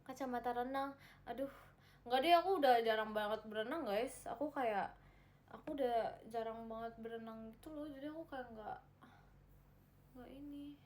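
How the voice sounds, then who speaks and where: A woman's voice: a little high, normal speed, long pauses, darkish tone, slight background noise. A young woman chatting casually on a livestream, reading viewer comments, giggling and repeating herself. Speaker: livestream host reading chat.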